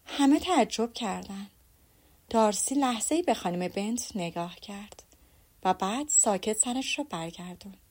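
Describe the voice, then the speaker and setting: Woman calmly narrating an audiobook. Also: medium pitch. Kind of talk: audiobook reading.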